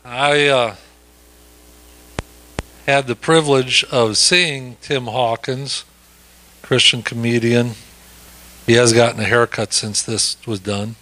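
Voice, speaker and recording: A man's voice: medium pitch, steady tone, slow pace, long pauses, bright, forceful tone. A man leading a church Bible study in a folksy, easygoing way, with frequent amens and asides. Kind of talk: casual church teaching.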